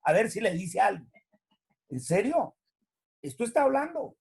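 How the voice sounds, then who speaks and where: A male pastor preaching a theatrical, animated sermon. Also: high-pitched, moderate pace, vocal fry, breathy edge.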